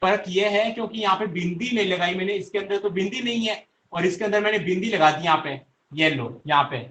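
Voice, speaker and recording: Male teacher, high bright voice, slow delivery, drills the class with repeated questions. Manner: answers his own questions. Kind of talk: online class lesson.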